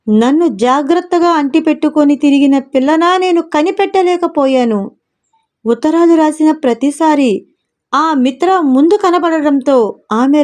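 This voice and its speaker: A woman's voice: sits high, a little mellow. A woman voicing a remorseful young man who reproaches himself and explains earnestly in a storybook reading. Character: remorseful young husband, regretful lover.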